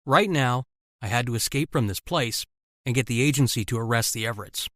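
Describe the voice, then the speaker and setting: A man narrating an animated story in the first person, in a wry, conversational way. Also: mid-range voice, fairly quick, no echo, studio quality.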